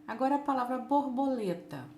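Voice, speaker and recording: A woman teacher giving a children's lesson, saying words slowly and patiently and stretching them out. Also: high-pitched, animated, mellow. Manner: slow, patient, drawn-out words. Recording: echoey room with faint noise.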